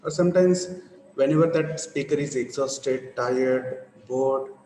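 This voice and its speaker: A man's voice: medium pitch, a little slow, dark tone, echoey room, long reverb tail, slight background noise, rough recording. A male teacher explaining intonation to a class, repeating points and checking that students follow. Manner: repetitive, asks for confirmation. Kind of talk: classroom lecture.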